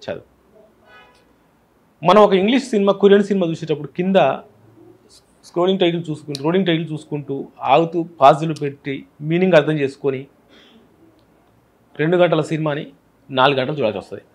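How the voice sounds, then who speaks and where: A man's voice: on the high side, brisk, long pauses, a little mellow. A man with a Telangana Telugu accent, a film director, explaining his film in an interview with examples from village speech. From Telangana, India.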